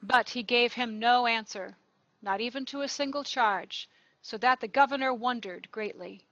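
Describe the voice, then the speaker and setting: A woman narrating a gospel reading in a church service, clear and measured. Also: a little high, fairly bright tone, dry recording, dull audio. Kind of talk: liturgical scripture reading.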